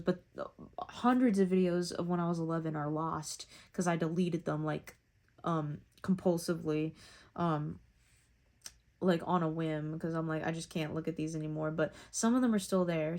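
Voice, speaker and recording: Rambling young woman with a mellow voice. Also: lowish voice. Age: young adult. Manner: rambling and reflective, with many fillers. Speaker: vlogger. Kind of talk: casual talking-to-camera vlog. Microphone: phone.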